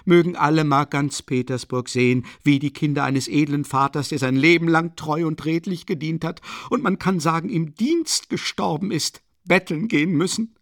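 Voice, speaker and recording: A man reading an audiobook, voicing a breathless, coughing, impoverished mother who talks in shrill, hasty pleas and scolding. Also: normal speed, hardly any pauses, no echo, studio quality, lightly acted. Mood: frantic, pleading. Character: frantic impoverished widowed mother, consumptive woman. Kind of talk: audiobook character voice.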